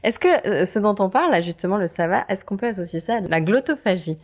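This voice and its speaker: A woman's voice: medium pitch, animated, fast, darkish tone. A woman hosting a casual conversational interview, asking questions and adding her own examples. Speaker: podcast host.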